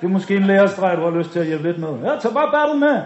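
A man voicing a sly, smooth-talking male street dealer who coaxes and flatters, in a dull, echoey room recording. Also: high-pitched. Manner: slick and coaxing.

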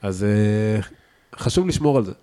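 A man's voice: on the low side, animated, warm tone, clear, resonant tone. A man with an Israeli accent chatting casually as an interview guest, enthusiastic and emphatic, repeating words for stress. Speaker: podcast guest, chef.

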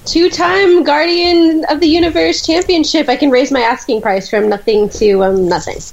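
A woman's voice: high voice, normal speed, creaky. A woman guesting on a podcast, chatting casually in a wry, self-deprecating way. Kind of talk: casual chat. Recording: slightly dull, lo-fi audio.

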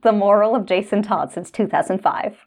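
A woman's voice: medium pitch, fairly quick, a little mellow, a little hiss or hum. A woman co-hosting a casual chat with brief, wry quips.

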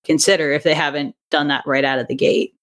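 Appearing as an interview guest, a young woman who writes and directs audio dramas chats in a giggly, talkative way. She speaks a little fast, in a low-pitched voice with fairly even intonation.

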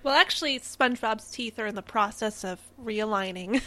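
A woman's voice: fairly high pitch, animated, moderate pace, bright, forceful tone. A young adult woman co-hosting a podcast, chatting casually and laughing often between sentences. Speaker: podcast co-host. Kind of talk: casual chat.

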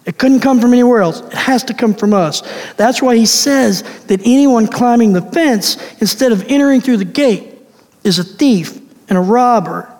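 A man preaching a sermon as pastor, emphatic, slowing down to stress key words. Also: extremely high pitch, darkish tone. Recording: long reverb of a large hall.

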